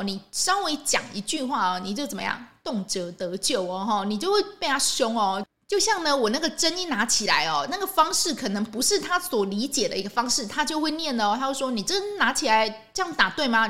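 Woman podcast host, fairly high voice, relaxed solo talk, keeps adding "ha" and asking "right?". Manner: ends phrases with a soft "ha" tag, asks rhetorical questions. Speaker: medical worker.

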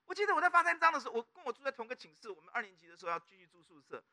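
A man's voice: very high-pitched, racing. A middle-aged male pastor with a Taiwanese Mandarin accent, preaching a sermon and often prompting the congregation with questions. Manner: animated preaching with call-and-response questions.

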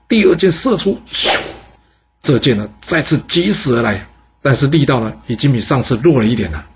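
A man narrating a history story in a lively, animated way. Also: medium pitch, husky. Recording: dull lo-fi recording.

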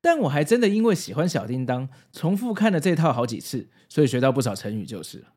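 With a medium-pitched, darkish voice that's very animated and quick, a man with a Taiwanese Mandarin accent hosts a retro pop-culture video series. His scripted, nostalgic retrospective comes across as explanatory and conversational.

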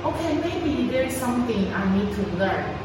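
Her voice slightly high, very animated and brisk, a Mandarin-speaking Taiwanese woman in her forties tells her personal testimony at a sharing event. She laughs a lot and repeats words, caught distantly in a noisy, echoey room.

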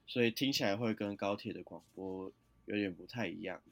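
A man in a band, telling a relaxed story in an interview and acting out what others said. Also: on the low side, fairly quick, creaky. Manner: relaxed storyteller, acts out quotes. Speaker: band member, guest.

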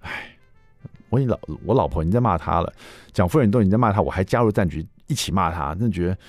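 Animated male radio host telling stories. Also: deep voice, fast, no echo, faint music behind. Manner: animated, acts out the quotes he tells, with a loud, ringing voice. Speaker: radio talk show host. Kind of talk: casual storytelling. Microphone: studio mic.

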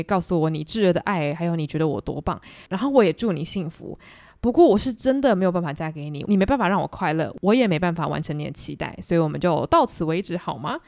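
Calm frank young woman, a lady doing her, polite but firm, fast dry delivery. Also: fairly low pitch, dry recording. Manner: firm, polite, matter-of-fact. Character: frank, composed young woman refusing a proposal.

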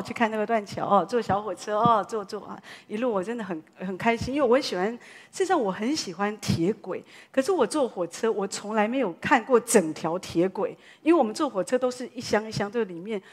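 A woman pastor, preaching a sermon as a lively story full of exclamations. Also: mid-range voice.

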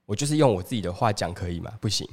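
A man's voice: on the low side, expressive, very fast, a little mellow, in a large hall. A man in his thirties with a Taiwanese Mandarin accent, co-hosting a casual podcast chat and joking around playfully. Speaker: podcast co-host.

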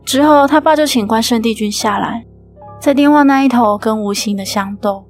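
Woman host with a Taiwanese Mandarin accent, steady suspenseful storyteller, slightly high voice. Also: normal speed, soft background music. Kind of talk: storytelling narration.

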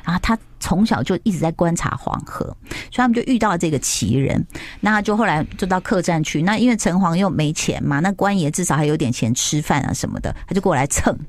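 A woman hosting a casual chat show, telling a story in an animated way and acting out the quotes. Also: on the low side, brisk, no echo. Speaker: host.

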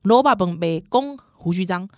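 A woman's voice: on the low side, normal speed, no echo, studio quality. A pregnant woman in her thirties with a Taiwanese accent, co-hosting a casual podcast chat, telling stories with lots of laughter and switching into Taiwanese. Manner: laughs often, animated storytelling, slips into Taiwanese. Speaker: podcast co-host.

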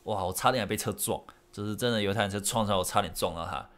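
Rambling young Taiwanese man, low voice. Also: rapid-fire, fairly bright tone. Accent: Taiwanese Mandarin. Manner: rambling, self-correcting storyteller with frequent laughs. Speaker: podcast host. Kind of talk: casual solo podcast chat.

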